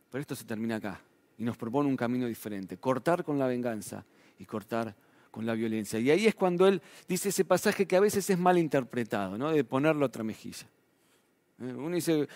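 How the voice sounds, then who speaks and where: A man's voice: medium pitch, darkish tone, dry recording. A man preaching a sermon in a Rioplatense Spanish accent, talking in a conversational way with frequent tag questions and his voice rising and falling for emphasis. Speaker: pastor.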